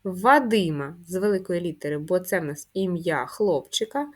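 A woman with a lowish voice and lively intonation teaches a first-grade handwriting class as a primary school teacher. She goes slowly and patiently, spelling things out clearly and supplying answers to her own questions.

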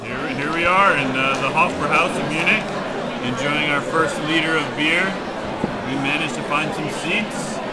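A man in casual chat on a road trip, laid-back and quick to laugh. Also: a little high, over loud music. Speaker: travel companion. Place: car interior and beer hall.

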